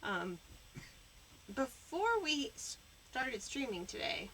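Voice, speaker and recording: Brief: woman stream host, teasing and loose, rambling with fillers, slightly high voice. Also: big pitch swings, slow pace, fairly bright tone, a little hiss or hum, rough recording. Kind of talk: casual live-stream banter.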